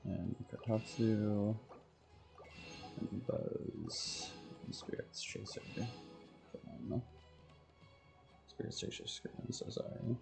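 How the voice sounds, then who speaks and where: With music in the background, a man speaks extremely slowly in a lowish voice full of vocal fry, with fairly even intonation and long pauses. He mutters short fragments to himself while streaming a video game solo.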